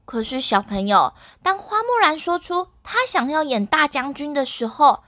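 A woman narrating a children's story in an animated way, speaking directly to the children. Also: high voice, moderate pace, dry recording.

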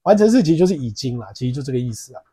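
A man hosting a podcast English lesson, explaining pronunciation and slowly repeating words, with a lively, joking manner. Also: mid-range voice. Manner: lively, jokey aside. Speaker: English teacher. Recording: podcast mic.

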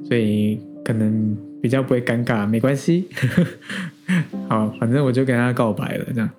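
Warm-voiced Taiwanese man telling stories. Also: medium pitch, brisk, faint music behind. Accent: Taiwanese Mandarin. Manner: candid, animated, exasperated storytelling with frequent self-asides and laughs. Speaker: podcast host. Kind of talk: personal storytelling monologue.

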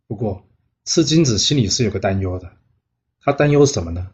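A man's voice: fairly low pitch, lively intonation, a little fast, darkish tone, highs cut off. A man narrating a classic tale in a chatty way, asking rhetorical questions as he goes. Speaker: storyteller. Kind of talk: storytelling narration.

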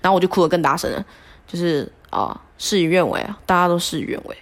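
A woman telling a personal story on a podcast, animated and self-deprecating with many fillers. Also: fairly low pitch, fast talker, vocal fry. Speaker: podcast host.

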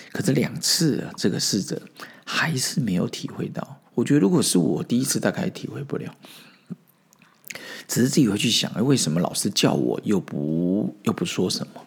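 A man hosting a podcast, explaining a Zen koan in a relaxed, conversational storytelling manner. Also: on the low side, creaky, husky. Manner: relaxed, explanatory, with frequent fillers. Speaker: podcast host. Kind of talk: storytelling commentary on Zen koans.

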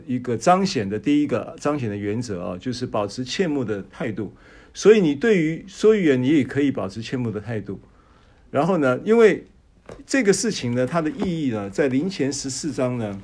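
A man preaching as a pastor. He shares a personal testimony, addresses the listeners directly, and often stumbles and restarts his words. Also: mid-range voice. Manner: animated storytelling, frequent stammered restarts.

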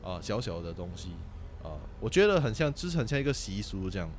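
一位新加坡口音的年轻男子，用夹杂英文的华语随意地讲鬼故事。. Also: male voice, lowish voice, fast talker, slight background noise. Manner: animated, mixes English words into Mandarin. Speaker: podcast guest storyteller. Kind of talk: casual ghost-story chat.

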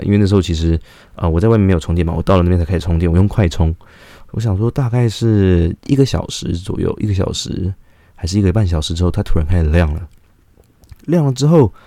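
A man's voice: low voice, dark tone, dry recording. A young man tells a rambling personal story in a casual vlog, full of fillers and restarts.

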